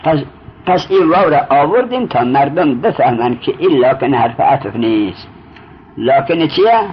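A man's voice: mid-range voice, expressive, a little hiss or hum. A man teaching a traditional Arabic grammar lesson, explaining step by step and quizzing his student as he goes. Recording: muffled lo-fi recording.

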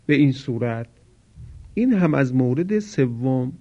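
A man teaching Quran recitation in a formal broadcast lesson. He explains each rule slowly, carefully and politely, and repeats it. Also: mid-range voice, animated, mellow, lo-fi sound.

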